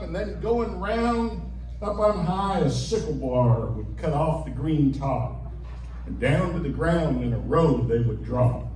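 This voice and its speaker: Slow cowboy twang, man reciting verse. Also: a little high. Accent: American cowboy twang. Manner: folksy, slow storytelling drawl with rustic grammar. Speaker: cowboy poet. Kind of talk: rhymed cowboy poetry recital. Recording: echoey, distant mic, noisy room.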